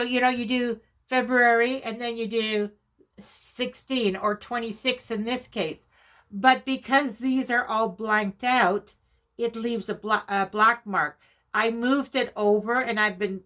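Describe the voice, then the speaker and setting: A woman vlogger chatting casually while demonstrating her journaling supplies, chatty and quick to laugh at herself. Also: a little high, a bit bright. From Canada. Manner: chatty, self-deprecating, exclaims often. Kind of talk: casual craft vlog demonstration.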